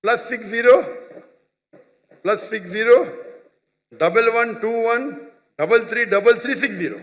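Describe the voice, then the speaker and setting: A man's voice: very high voice, a little slow, a bit bright. A man answers questions before an audience, lecturing with firm emphasis. His speech rings out in a large hall with a long reverb tail. He keeps pressing his point and checking that the listener follows. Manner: lecturing, emphatic, repeats points with "you understand?". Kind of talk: public question-and-answer talk.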